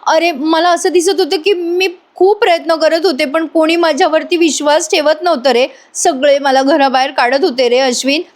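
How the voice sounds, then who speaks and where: A woman acts out a young wife exposed as a fraud, her voice pitched way up as she sobs and pleads. Her voice sits high above ordinary speech. She sounds desperate and tearful as she begs for forgiveness in a retold TV drama. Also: fairly quick, few pauses, close to an everyday voice. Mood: shaken. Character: young woman caught as an impostor, weeping and begging.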